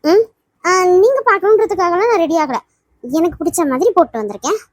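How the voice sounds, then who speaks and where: A woman's voice: very high voice, big pitch swings, fairly quick, no room sound. A woman voicing a shy, anxious young heroine in a cartoon, speaking in a pleading, worried way. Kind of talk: cartoon voice acting.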